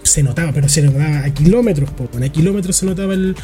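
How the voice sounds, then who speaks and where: With faint music in the background, a young Chilean podcast co-host rambles through stories in heavy slang during a relaxed chat. His voice is a little high, mellow and fast.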